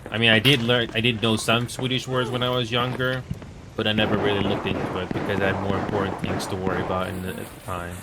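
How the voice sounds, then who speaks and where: Quick-paced and level in tone, a Finnish man with a lowish voice chats on a gaming live stream. Finnish is his first language; he wanders from topic to topic, repeats things and mutters at the game. Noise fills the background.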